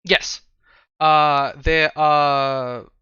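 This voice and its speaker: A man acting as game master, narrating a tabletop role-playing game in a halting way as he improvises descriptions. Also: a little high, fairly even intonation, sharp tone, clear, resonant tone, no room sound, lo-fi sound.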